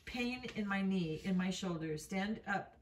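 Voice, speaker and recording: A woman reads a novel aloud without polish, slipping and correcting herself as she goes. Her mid-range voice moves at a measured pace, picked up by a distant mic in a roomy space with a little hiss or hum.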